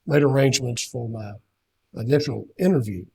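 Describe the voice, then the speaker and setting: Husky older man telling a rambling story. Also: mid-range voice, moderate pace, warm tone. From Kentucky. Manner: rambling storyteller with many fillers and restarts. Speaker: seminar speaker. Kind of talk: anecdotal talk.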